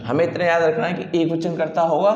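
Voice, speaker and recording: A man with a slightly high voice teaches English grammar to beginners. He goes over each point again and again, checks in with "theek hai," and clears his throat often. The sound is a bit dull and rings in a roomy, echoey space. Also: flat delivery, fairly quick. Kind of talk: Hindi-language English grammar lesson.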